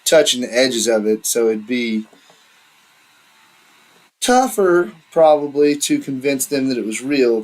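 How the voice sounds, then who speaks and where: A man at mid pitch running a tabletop session as dungeon master. He lays out the rules patiently and easily, with plain casual phrasing. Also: low-quality recording.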